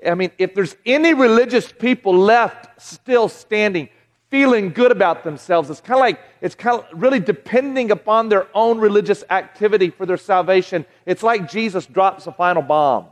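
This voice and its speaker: A man in his forties from the Southern United States, with a Southern American accent, preaches a folksy, conversational sermon to a live audience in a large hall. His voice is high-pitched at a normal speed, with a long reverb tail. He often restarts and makes asides to the crowd.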